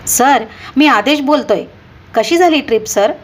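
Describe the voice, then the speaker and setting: A woman's voice: sits high, lively intonation, unhurried, voice pushed up. A woman reading aloud, voicing a cheerful young man on the phone who sounds casual and puzzled.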